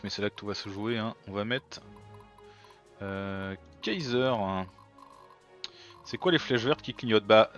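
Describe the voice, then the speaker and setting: A man hosting a let's-play video, chatting casually as he plays and thinking out loud with plenty of fillers. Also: mid-range voice. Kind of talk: casual gameplay commentary.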